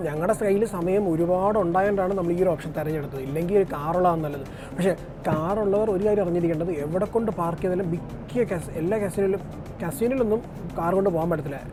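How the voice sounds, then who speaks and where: A man with a high voice gives casual travel vlog commentary in a Malayalam accent. He drops English words and phrases into his Malayalam as he addresses viewers, with music behind him. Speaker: travel vlogger. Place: on a city bus and busy streets outdoors.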